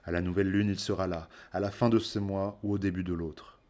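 Solemn old wanderer king, slow formal talk, deep voice, man reading it. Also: little pitch movement, darkish tone, lightly acted.

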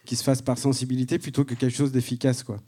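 A man co-hosting an onstage interview, asking long questions in a halting way with restarts. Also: medium pitch, little pitch movement, dark tone, slightly rough.

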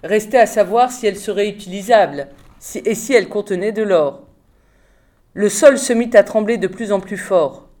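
A woman reads a novel aloud in a calm, measured voice. Her narration is steady and clear. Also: mid-range voice. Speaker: audiobook reader.

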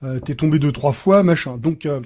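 High-voiced man running a tabletop game. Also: normal speed, mellow, slight background noise. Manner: hesitant, many filler sounds and restarts; playful sound effects while narrating. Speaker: game master.

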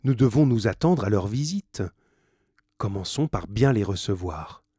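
A steady, confident helmsman of a ship, as a man reads him aloud, with a low, mellow voice that swings lively up and down. He speaks firmly and reassuringly, in an audiobook reading. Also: measured pace, husky, no echo, studio quality. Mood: calm, assured. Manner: firm and reassuring, rising to shouts in danger.

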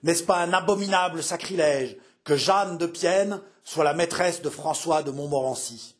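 A man's voice: on the high side, normal speed, pitched above the performer's own voice, natural voice. A man voicing a wild, bitter young nobleman who speaks in a frantic, intense way. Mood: frenzied.

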